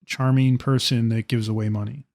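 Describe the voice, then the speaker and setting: A mid-pitched man chats on a casual podcast. He is relaxed and reflective, with a light joking touch. The recording is dry and close. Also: normal speed, no room sound. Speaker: podcast co-host.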